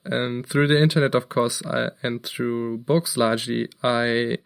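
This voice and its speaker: A man's voice: mid-range voice, measured pace, creaky, clear, resonant tone. A young man from Germany, co-hosting a podcast and talking earnestly about his background. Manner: earnest, steady, occasional restarts. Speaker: podcast co-host. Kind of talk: casual chat.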